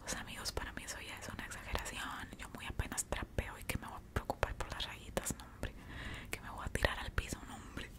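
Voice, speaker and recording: A young woman with a Mexican accent whispers a casual ASMR storytime while chewing gum, close to a desktop microphone. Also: a little fast. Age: young adult. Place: small indoor room. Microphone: large desktop microphone up close.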